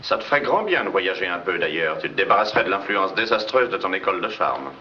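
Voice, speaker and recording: Contemptuous tycoon husband, lowish, 1940s dub on a dull soundtrack. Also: male voice, sing-song, fast. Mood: cold. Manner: cold, contemptuous, domineering. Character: cold, controlling rich male tycoon husband. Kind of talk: 1940s film dub acting. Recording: dull old film soundtrack with hiss.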